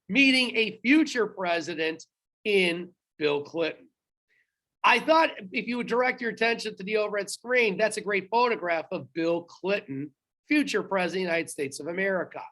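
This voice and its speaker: A man's voice: high voice, pushed and bright. Chatty male history teacher quizzing students. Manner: chatty, talks straight to students, quizzes them. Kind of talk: recorded classroom lecture.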